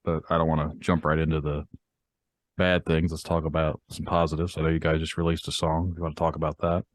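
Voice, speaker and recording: A man hosting a casual interview, asking relaxed, friendly questions. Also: a bass voice, brisk. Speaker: podcast host.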